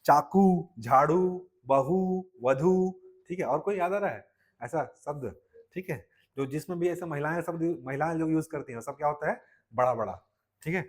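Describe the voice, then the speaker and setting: A man's voice: on the high side, normal speed. A male teacher with a Chhattisgarhi Hindi accent, giving a classroom grammar lecture and constantly asking his students questions.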